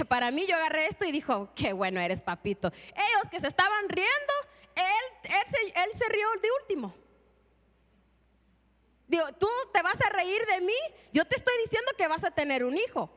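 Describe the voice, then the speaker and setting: A woman's voice: sits high, a bit bright, long reverb tail. A woman preaching an earnest, emphatic sermon and reading scripture in a church.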